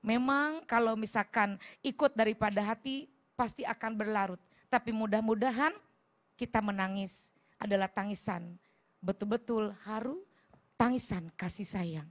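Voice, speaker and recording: A woman preacher giving a gentle, consoling sermon in a TV studio. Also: mid-range voice, normal speed. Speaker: Islamic preacher (ustazah).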